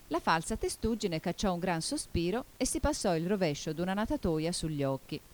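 A woman narrating a storybook audiobook in a measured, expressive way. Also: on the low side.

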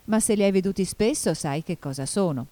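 A woman voicing a weepy, mournful sea-turtle creature in an audiobook that keeps bursting into shrill excitement. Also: fairly quick, natural voice. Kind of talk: audiobook character voice.

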